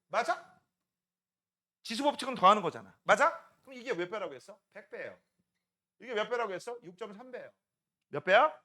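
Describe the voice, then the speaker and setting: A male science teacher lecturing a classroom, firing quick check-in questions at his students. His voice sits high and bright, and his pitch leaps around animatedly, jumping between loud calls and quieter asides. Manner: quizzing students with constant check-ins. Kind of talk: classroom lecture to middle schoolers.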